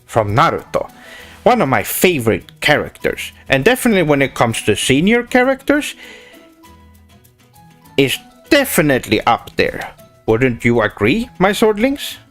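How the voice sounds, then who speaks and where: Soft music plays under a young Swedish streamer who reads questions from chat and replies as a grandiose anime fan, dropping Japanese terms along the way. He has a mid-range, fairly bright voice that swings hugely in pitch at a normal speed. His casual answers are full of hesitant "uh" restarts.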